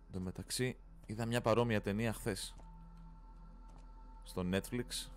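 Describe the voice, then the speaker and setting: A man's voice: lowish voice, steady tone, faint music behind. A man hosting a horror game let's play, commenting casually, swearing often and yelping when startled. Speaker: gaming channel host.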